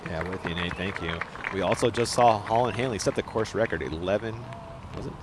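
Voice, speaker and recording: Man, golf commentator play-by-play. Low register, expressive, clipped delivery, noticeable outdoor background noise. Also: a little fast. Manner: clipped, telegraphic calls in golf commentator manner.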